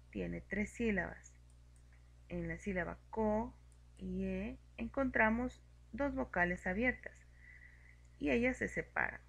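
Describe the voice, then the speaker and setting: Slow, methodical woman teacher, gravelly edge. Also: medium pitch, a bit bright. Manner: slow, clear and methodical, spelling out examples. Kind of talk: grammar lesson narration.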